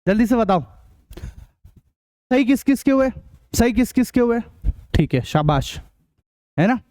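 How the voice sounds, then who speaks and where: Male tutor, very high voice, smooth and resonant, dry close sound, quizzing students, blunt. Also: expressive, a little mellow, no echo. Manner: drilling rules, quizzing students with quick questions; blunt, scolding. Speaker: math tutor. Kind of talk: online class lecture.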